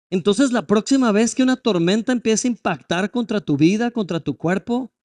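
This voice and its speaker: A man's voice: on the high side, a little mellow. A male pastor preaching a sermon, emphatic and full of rhetorical questions.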